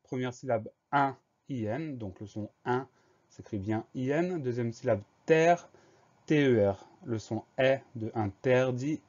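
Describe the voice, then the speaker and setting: A man giving a spelling lesson, slowly spelling out words letter by letter. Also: mid-range voice, a little mellow, highs cut off. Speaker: teacher.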